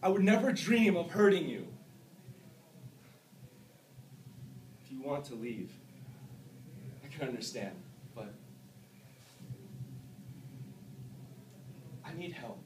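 A man in his twenties performing a dramatic monologue as a tormented, self-loathing young Vietnam veteran, with an intense, halting, emotional delivery, recorded from afar in a classroom. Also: fairly high pitch, expressive, lightly acted. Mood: broken, pleading. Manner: intense, emotional, halting delivery swinging between hushed and explosive. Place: classroom, indoors. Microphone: far camera. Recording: roomy, distant camera mic with faint noise.

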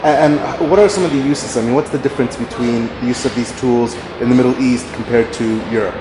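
A man's voice: mid-range voice, fairly even intonation, quick pace, a crowd in the background. A man asking direct interview questions at a conference venue. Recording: echoey hall with room noise.

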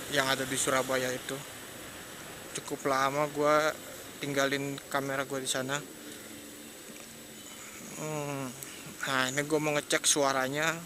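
A young man with a Jakarta accent rambling casually and hesitantly while riding a motorbike at night, through an action-cam mic. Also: medium pitch. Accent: Jakarta Indonesian. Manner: slangy, hesitant, chatty, laughs often. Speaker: motovlogger. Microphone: external mic on a helmet action cam. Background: traffic and engine noise.

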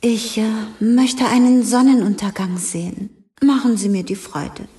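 An earnest little boy prince, as read by a woman, asks polite, curious questions. His voice is mellow and soft in a gentle storybook style. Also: fairly high pitch, measured pace, natural voice. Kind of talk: storybook reading.

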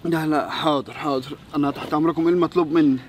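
An actor playing an irritable, flustered suitor, speaking with an Egyptian accent. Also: male voice, a little high, fairly even intonation, rapid-fire, a little hiss or hum, close to an everyday voice. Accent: Egyptian Arabic. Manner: gruff, then flustered. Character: irritable suitor pushed into marriage.

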